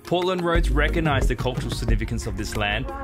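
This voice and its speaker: A young Australian man vlogging casually and narrating his sailing trip, excited and laid-back. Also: medium pitch, quick pace. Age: young adult. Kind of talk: casual vlog chat and voice-over narration. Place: catamaran cabin and deck. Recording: music playing underneath.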